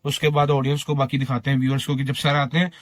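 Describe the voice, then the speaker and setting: A man with a Pakistani accent co-presenting a vlog, giving quick directions and acknowledging with yes. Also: medium pitch, level tone. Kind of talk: casual vlog chat.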